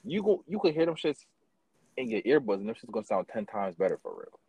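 A man co-hosting a podcast, telling stories at a slow, drawn-out pace in slang-heavy casual chat. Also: lowish voice, very animated, vocal fry, mellow, slight background noise.

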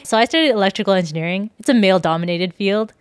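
A woman's voice: medium pitch, rapid-fire, smooth. A woman in her twenties, a podcast guest, chatting casually with frequent laughs and acted-out quotes. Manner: animated, laughs often, acts out quoted voices. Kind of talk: casual interview chat.

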